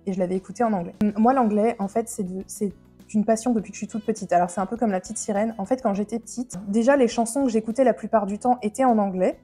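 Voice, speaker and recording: A woman's voice: mid-range voice, fairly even intonation, quick pace, dark tone, breathy edge, soft background music. A woman vlogger answering viewer questions in a chatty, slangy way, often laughing. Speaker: lifestyle vlogger. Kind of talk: casual Q&A chat to camera.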